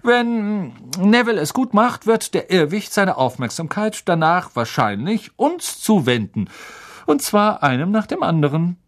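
A man reading aloud and voicing a good-humored, kindly middle-aged male professor who coaxes a nervous pupil in a cheerful, drawn-out way. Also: high voice, sing-song, voice pushed up. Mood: cheerful coaxing. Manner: cheerful, coaxing, drawn-out questions.

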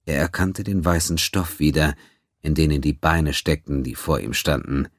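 A man narrating a science-fiction audiobook in a steady, even storytelling manner. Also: very deep voice, normal speed, no echo, clean studio sound.

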